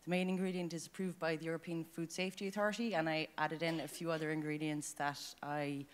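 A woman in her thirties giving an unscripted product pitch on stage. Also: flat delivery, fast. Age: 30s. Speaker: doctor and entrepreneur. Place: large conference stage, indoors. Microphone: handheld microphone.

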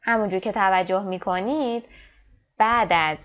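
Woman teacher, Afghan Dari accent, lo-fi. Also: medium pitch. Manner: rapid explanations, slow deliberate example sentences. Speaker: English teacher. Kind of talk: classroom language lesson.

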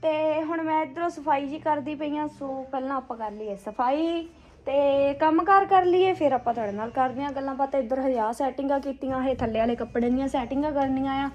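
A woman's voice: high voice, a little fast, darkish tone. A young woman chatting casually as a home vlogger, often repeating words for emphasis. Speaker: family vlogger. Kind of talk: casual chatty home vlog, talking to viewers and family. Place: busy family home. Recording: noisy handheld home recording.

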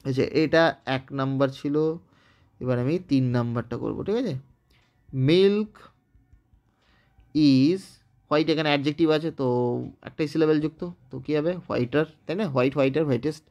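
A man with a Bengali accent teaches an English grammar lesson at a brisk, rapid pace. His voice sits somewhat high. He breaks each rule into small steps and keeps asking whether his students have understood. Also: steady tone, darkish tone. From West Bengal, India. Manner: explains step by step, often checks understanding with the class. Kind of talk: recorded online grammar lesson.

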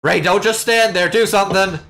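A man voicing a foul-mouthed, violent young male killer from a horror game, brash and shouting. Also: high voice, a little fast, voice pushed up. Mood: angry. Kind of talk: reading game dialogue aloud on stream.

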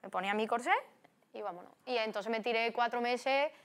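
A fairly high-voiced young woman from Spain tells a story in a relaxed chat. She talks with energy and acts out the quotes of the people in it. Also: a little fast. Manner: lively storytelling with acted-out quotes. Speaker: guest footballer. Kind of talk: casual chat.

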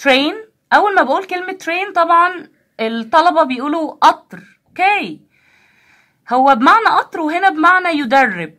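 An Egyptian woman teacher with a high, bright-pitched voice walks a class through English vocabulary. Her pitch leaps and swoops as she stretches each word out slowly and then answers her own questions. The delivery sounds patient and explanatory. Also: very animated. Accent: Egyptian Arabic. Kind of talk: recorded vocabulary lesson, mixing English and Arabic.

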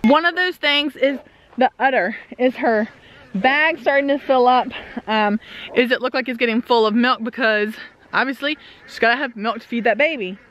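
A woman's voice: on the high side, normal speed, fairly bright tone. A woman in her thirties giving a casual farm tour, explaining things with lots of "um"s while holding the camera at arm's length outdoors. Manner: chatty, explanatory, many "um"s. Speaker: homesteader vlogger. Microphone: camera held at arm's length.

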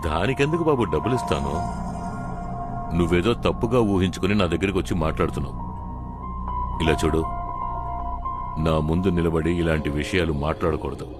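A crooked, arrogant college chairman with a very deep, low voice, played by an actor. He speaks with a haughty calm that turns into open menace. Loud film music plays behind him. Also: brisk, long pauses, natural voice. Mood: dismissive. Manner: haughty, turns threatening and abusive.

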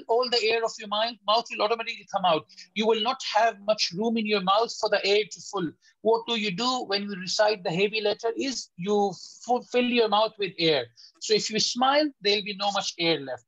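A man teaches a beginners' lesson over an online call, and his voice comes through a little dull and lo-fi. He is patient, repeats each sound slowly, and gently corrects his students as they go. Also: high-pitched. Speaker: Tajweed teacher. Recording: slightly dull lo-fi audio.

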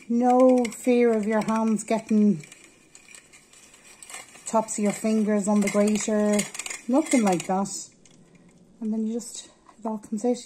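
A woman's voice: mid-range voice, dark tone, slight background noise, low-quality recording. A woman in her forties with an Irish accent, chatting casually as she cooks and explains each step in her home kitchen. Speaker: home cooking vlogger. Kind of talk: casual cook-along talk. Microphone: camera on the worktop.

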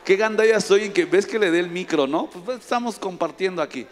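Man preaching, high voice, teasing congregation, echoing hall. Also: lively intonation, a little fast. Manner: playful, teasing, calls on audience by name. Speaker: pastor. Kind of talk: interactive sermon with congregation. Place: large church hall. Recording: long echo of a church hall.

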